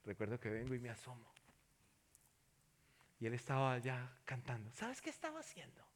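A man preaching a sermon, telling a personal story and then appealing to listeners, going from soft near-whispers to loud passionate calls. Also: mid-range voice, huge pitch swings, normal speed. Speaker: pastor.

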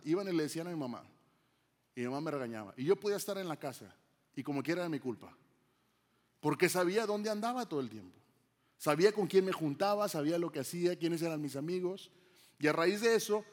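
A man's voice: high voice, a little mellow, big-room sound. A man from Mexico preaching a sermon as pastor, conversational, throwing rhetorical questions to the congregation.

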